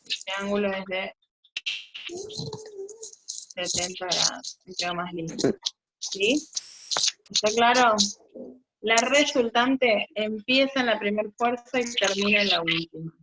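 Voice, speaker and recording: A woman's voice: mid-range voice, fairly even intonation, slow, pauses often. A woman teaching a physics class over a video call, explaining step by step and often checking in with the students. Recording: muffled video-call audio, faint noise.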